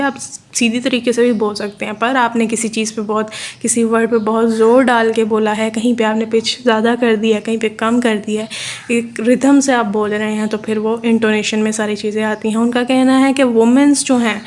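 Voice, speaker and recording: A woman from Pakistan with a Pakistani accent, giving a steady, explanatory lecture and repeating her points. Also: a little high, a little fast. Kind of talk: explaining a lesson in Urdu mixed with English terms.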